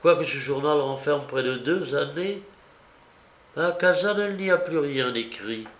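A man's voice: on the high side, unhurried, lightly acted. A man voicing an anxious grieving sister, pleading. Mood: insistent. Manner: urgent and pleading. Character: anxious grieving woman, the dead actress's sister. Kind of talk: audiobook reading. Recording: roomy echo.

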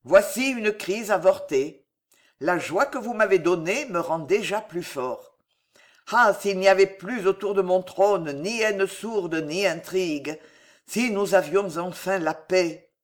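A woman voicing an impulsive, excitable young king in an audiobook, in a lowered voice full of boyish enthusiasm. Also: slow, natural voice. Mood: weary. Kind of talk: audiobook character reading.

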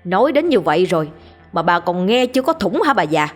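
A woman's voice: lowish voice, expressive, normal speed, husky, faint music behind. A woman voicing a drunken, foul-mouthed young man who scorns his mother in a narrated ghost story. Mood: scornful, raging. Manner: shouting insults, scornful.

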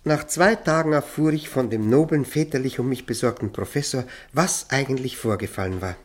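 In a German radio play, a man plays a haunted Austrian lawyer, a former Gestapo prisoner who is courteous and nervous, narrating in a confiding, reflective way with hesitant, formal politeness. His medium-pitched voice moves a little fast, lightly acted.

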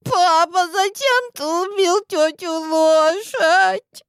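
A small, innocent girl chirps in a very high, childlike voice. She speaks slowly and sweetly. The sound is dry and close. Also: lively intonation, a bit bright, no room sound, heavily acted. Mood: excited.

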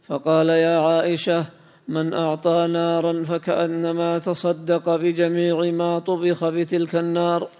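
Male student reader, somewhat high voice, steady chanting delivery, long hall reverb. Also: moderate pace, clean tone. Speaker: student reading the text aloud. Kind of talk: reading a classical commentary aloud.

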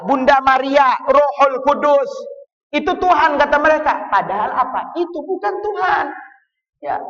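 A man delivers a lively sermon to a congregation in a voice pitched high for a man. He keeps asking his listeners questions and answering them himself in a playful, teasing way. He sounds distant from the microphone in a large hall that rings with reverb. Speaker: Islamic preacher. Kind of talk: lively religious lecture to a congregation. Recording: echoey hall, far from the mic, dull sound.

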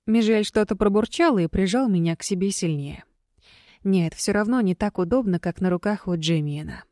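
A woman reading a fantasy novel aloud in measured, scripted narration. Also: medium pitch, mellow, dry recording, clean studio sound. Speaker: audiobook reader.

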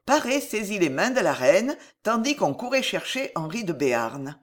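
A narrator reading a historical novel aloud in a measured, expressive way. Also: medium pitch. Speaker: audiobook narrator.

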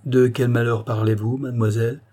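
A man reading a novel aloud, playing a composed detective who questions with quiet, measured calm. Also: medium pitch, natural voice. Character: calm, shrewd male detective in middle age.

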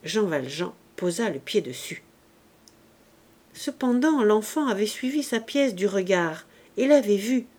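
A woman narrating a classic novel as an audiobook in a measured, expressive reading. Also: medium pitch. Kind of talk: slow literary audiobook narration.

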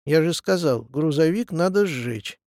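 Man reading as a quarrelsome old partisan for a storybook, raised pitch, gravelly edge. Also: animated, unhurried, dry recording, studio quality. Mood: indignant shouting. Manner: shouting, indignant. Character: hot-tempered old male partisan.

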